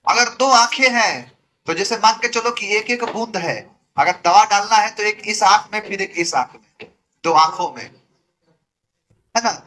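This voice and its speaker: A man's voice: high-pitched, bright, forceful tone. A man teaching a grammar lesson, asking rhetorical questions and answering them himself, with emphatic, repetitive corrections. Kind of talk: classroom lecture.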